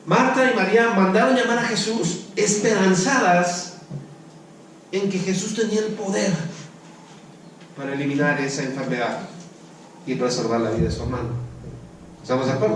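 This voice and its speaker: A man preaching in a church, moving between plain talk and rhetorical questions he answers himself. His voice sits a bit high for a man and comes from some distance off the mic. The big hall rings with a strong echo. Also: slight background noise. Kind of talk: sermon.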